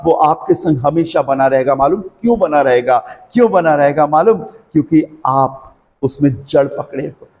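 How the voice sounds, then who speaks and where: High-voiced man preaching in a hall. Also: darkish tone. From India. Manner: impassioned, rising into fervent prayer. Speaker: pastor. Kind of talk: sermon and prayer. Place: church hall. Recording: long hall reverb.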